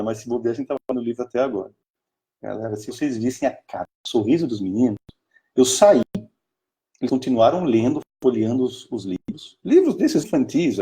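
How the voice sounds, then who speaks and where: A Brazilian man with a Brazilian Portuguese accent tells a story in a loose, chatty live talk. His voice is mellow and sits at a middle pitch, and he keeps restarting his sentences with an enthusiastic flow. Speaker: strategic planning mentor for an NGO.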